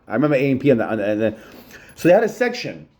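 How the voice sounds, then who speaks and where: A man's voice: medium pitch, huge pitch swings, rapid-fire, darkish tone. Rambling, profane New man. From Long Island, New York. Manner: profane, rambling, repeats himself, says "yo" often. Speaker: channel host. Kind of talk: rambling solo monologue.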